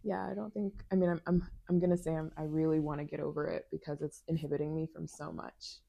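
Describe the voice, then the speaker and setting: A woman's voice: deep voice, little pitch movement, fast talker, vocal fry, warm tone, no room sound. A woman acupuncturist speaking as a podcast guest, thoughtful and reflective, with many casual fillers. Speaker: acupuncturist and sound healer, guest. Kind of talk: casual conversational interview. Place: her acupuncture practice room.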